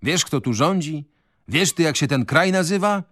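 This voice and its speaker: A man's voice: fairly high pitch, animated, normal speed, a bit bright, no echo, studio quality, voice pushed up. A man reading a novel on radio, voicing a skeptical, cautious male prisoner who sneers and philosophizes.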